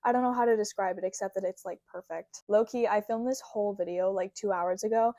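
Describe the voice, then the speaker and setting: In her 20s and recovering from a cold and sore throat, a crochet creator chats briskly in a casual vlog, her mid-pitched, bubbly voice slightly worn and peppered with "like." The small clip-on mic captures her close and dry, with a dark tone and no room sound.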